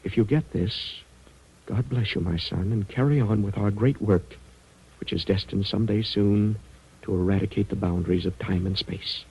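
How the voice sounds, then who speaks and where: Solemn old radio drama man, husky and low, muffled sound. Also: normal speed, a little mellow. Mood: solemn, earnest. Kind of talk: 1940s radio acting. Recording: muffled vintage radio recording.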